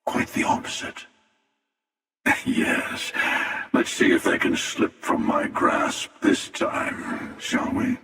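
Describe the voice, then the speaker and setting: A man voicing a smug, menacing, world-weary hunter from a video game, with a breathy rasp and sardonic, deliberate delivery. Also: pushed and bright. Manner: sardonic, deliberate, drawling taunts. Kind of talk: video game character voice acting. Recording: echoing, long reverb, distant.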